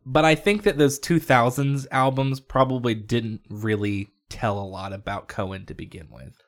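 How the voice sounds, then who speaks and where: A man with a middling voice takes part in a casual podcast conversation about albums. He often agrees with the others and slips in short asides. When he takes a turn, he speaks in measured, thoughtful sentences. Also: mid-range voice, steady tone. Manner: agreeable, frequent short backchannels. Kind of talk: casual music chat.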